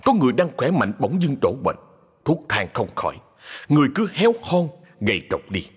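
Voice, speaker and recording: A man narrating a ghost story in a dramatic scripted style, slowing for suspense. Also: mid-range voice, very animated. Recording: husky voice in long reverb with music.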